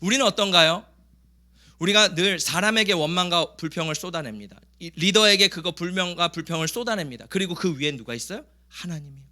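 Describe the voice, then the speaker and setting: Bright, lively-voiced male pastor preaching. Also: high-pitched, fairly quick. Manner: emphatic, asks the congregation questions; acts out the grumbling people in a raised voice. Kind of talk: sermon.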